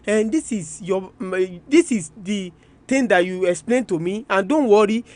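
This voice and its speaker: Speaking with a Nigerian Yoruba accent, a man hosts a live educational radio talk, moving between English and Yoruba. He addresses listeners directly, stressing and repeating his points. His voice sits high and sounds expressive, a little mellow, and a little slow.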